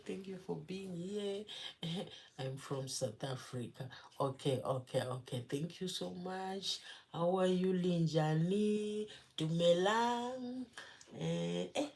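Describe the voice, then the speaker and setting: A woman's voice: deep voice, creaky, darkish tone, a little hiss or hum. A young woman hosting a casual live stream, chatting with viewers, greeting them by name and laughing often. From Zimbabwe. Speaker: livestream host.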